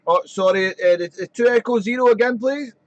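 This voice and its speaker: Through dull, roomy streamed audio, a ham radio operator talks briskly in a very high-pitched voice. He chats informally on his live stream and keeps repeating call signs as he calls out to other stations.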